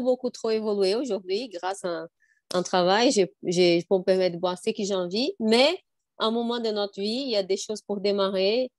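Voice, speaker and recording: A woman's voice: mid-range voice, no echo. Woman chatting on a panel, dry sound. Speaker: wine trade panelist. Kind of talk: casual panel discussion.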